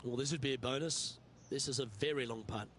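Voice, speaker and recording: A man working as lead golf commentator in a video game, giving measured play-by-play calls. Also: mid-range voice, a bit bright, slight background noise, lightly acted.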